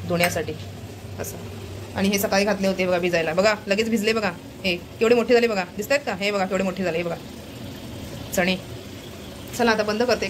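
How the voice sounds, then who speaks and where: Her mid-range voice competes with a noisy background as she cooks in her kitchen. She's a family vlogger filming on a handheld phone, chatting easily with viewers and pointing things out as she goes.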